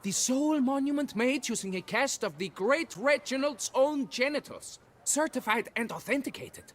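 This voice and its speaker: A man's voice: very high voice, lively intonation, normal speed, a bit bright, exaggerated voice. A male actor playing a self-important, florid exhibition keeper in a video game, with theatrical delivery. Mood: solemnly pompous.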